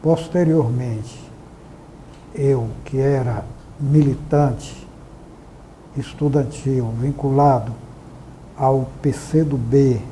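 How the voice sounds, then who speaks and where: A man, giving formal, measured testimony about past events. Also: medium pitch, steady tone, dark tone, a little hiss or hum, low-quality recording. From Bahia, Brazil. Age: 60s.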